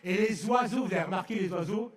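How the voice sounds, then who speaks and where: French guy preaching outdoors, high voice, loud bursts, stories and jokes, echoey sound. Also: fast talker. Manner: emphatic, often raises his voice, tells anecdotes with humour. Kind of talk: lively storytelling sermon. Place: outdoors in woods at a festival.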